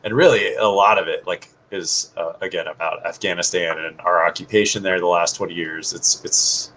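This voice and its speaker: A man co-hosting a casual live talk show, chatting in a relaxed, rambling way with lots of fillers. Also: low voice, moderate pace, low-quality recording. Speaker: podcast co-host. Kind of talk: casual chat. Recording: faint background noise.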